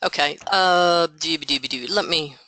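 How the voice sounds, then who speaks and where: A woman walking a group through software on an online call through her headset. Her voice is bright and bold, and her patient explanations are dry and close. She thinks aloud as she goes. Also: deep voice, normal speed, dry recording, rough recording. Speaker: software trainer. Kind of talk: online meeting walkthrough.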